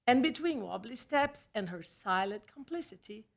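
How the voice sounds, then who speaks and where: Reading her personal essay before a small-theatre audience, a native Portuguese speaker with a Brazilian accent uses a higher, expressive, creaky voice. She shapes this scripted storytelling with careful phrasing and dramatic pauses.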